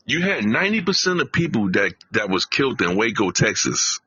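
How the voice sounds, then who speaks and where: A man's voice: fairly low pitch, very animated, a little fast, bright, forceful tone, husky, no room sound, highs cut off. A man hosting a live stream, preaching emphatically, repeating his phrases and swearing. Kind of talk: casual live-stream commentary.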